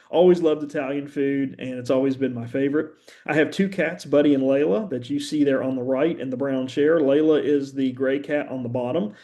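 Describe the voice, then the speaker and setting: Delivering an introductory lecture, this middle-aged West Virginia professor sounds conversational and earnest. His voice is a little high and mellow. He fills gaps with many "uh" pauses and stammers now and then.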